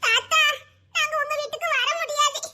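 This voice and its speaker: Squeaky giggling little kids, voiced by a woman. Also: fairly even intonation, moderate pace, noisy background. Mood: cheeky. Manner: squeaky, giggling childlike chatter. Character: cheeky little children, tattling and giggly. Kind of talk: comic family skit.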